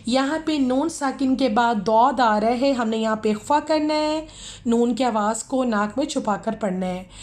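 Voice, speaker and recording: A woman teaching tajweed in a lesson, chanting verses slowly and melodically, then explaining the rules in quick speech. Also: on the high side, a little mellow. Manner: slow melodic recitation, then rapid explanations. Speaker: Quran recitation teacher.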